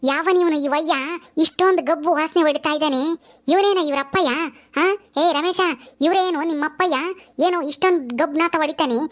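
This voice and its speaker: A woman's voice: sits high, brisk, close to an everyday voice. A woman playing a scolding middle-aged village mother. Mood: disgusted. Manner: scolding, exclaiming often.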